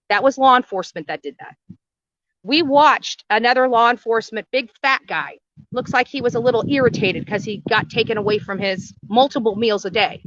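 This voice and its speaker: Live outdoors beside a road in front of a house, an independent commentator with her own show speaks to viewers in a slightly high, fairly bright voice. Her tone is indignant, blunt and emphatic, with phrases repeated for emphasis. The recording is dry, with the highs cut off.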